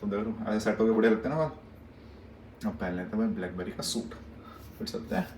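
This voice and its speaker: A man's voice: on the low side, lively intonation, brisk, a little mellow, echoey room, distant mic, a little hiss or hum. A young man chatting casually to his phone camera in a vlog, teasing and playful. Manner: playful, teasing, bursts of mock anger. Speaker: travel vlogger. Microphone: phone held in hand.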